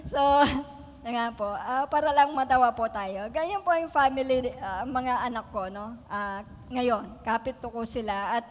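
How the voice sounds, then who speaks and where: A middle-aged woman from the Philippines preaches in a church hall, her high voice trailing a long reverb. She talks in a chatty, homely way, laughs often and keeps asking the congregation to agree. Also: unhurried, a little hiss or hum. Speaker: pastor. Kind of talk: sermon with personal stories.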